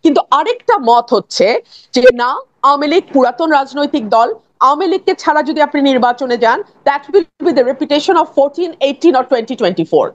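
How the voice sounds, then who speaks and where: A woman, a guest on a political talk show, arguing her points forcefully and dropping in English phrases. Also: high voice, lively intonation, normal speed, no echo, dull audio.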